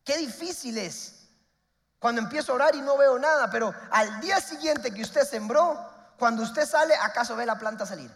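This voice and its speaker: A man preaching a sermon as pastor, emphatic, repeating his points and swinging between loud and soft. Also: extremely high pitch, lively intonation, normal speed, big-room sound.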